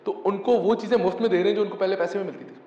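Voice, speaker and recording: A man's voice: high-pitched, steady tone, racing, warm tone. Emphatic young man in an echoey room. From Pakistan. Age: 20s. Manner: emphatic, mixes English phrases, frequent "thik hai". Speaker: football club founder and coach. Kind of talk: casual interview. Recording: echoey, distant, muffled, faint hum.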